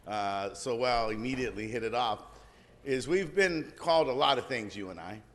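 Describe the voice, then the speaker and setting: A man's voice: mid-range voice, expressive, moderate pace. A mature man giving an informal ceremonial speech as a council member, folksy and building on repeated phrases. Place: large council chamber. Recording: echoing hall with background noise.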